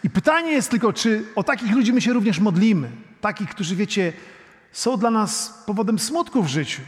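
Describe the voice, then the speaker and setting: A middle-aged man preaching a sermon, shifting between soft, intimate prayer and loud, emphatic preaching, talking straight to the congregation. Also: high-pitched, expressive, fairly quick. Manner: addresses the congregation directly, often saying "you know". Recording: long hall reverb.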